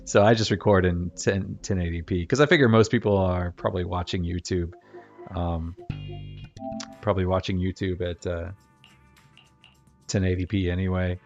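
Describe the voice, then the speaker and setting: A middle-aged gaming streamer from Virginia talks casually over his gameplay in a low, steady, slightly mellow voice, with a moderate pace and long pauses. He rambles, corrects himself, and thinks out loud. His desk mic gives a dull, lo-fi sound with game music behind him.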